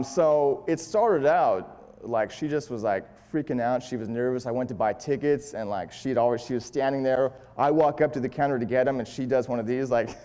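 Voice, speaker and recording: A man's voice: medium pitch, mellow, clear, resonant tone, big-room sound. A man coaching other men on dating in a casual seminar talk, blunt and profane, telling stories from his own life.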